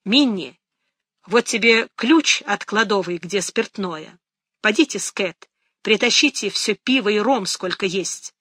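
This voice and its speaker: Reader doing a bossy old housekeeper barking orders, bright crisp voice, dry close sound. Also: medium pitch, animated, a little slow, dry recording, exaggerated voice. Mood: commanding. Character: bossy older female housekeeper giving orders.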